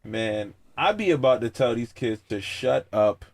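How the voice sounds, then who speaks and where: A man co-hosting a podcast in loose casual chat. He talks in slang and laughs a lot. His pitch swings up and down a great deal. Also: lively intonation, measured pace. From not the US. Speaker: podcast co-host.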